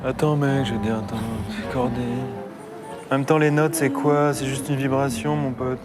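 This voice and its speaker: A man's voice: mid-range voice, fairly even intonation, normal speed, over loud music. A man judging a talent show audition, critiquing with jokes and irreverent asides. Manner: joking, irreverent. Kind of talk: judge's critique. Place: audition room.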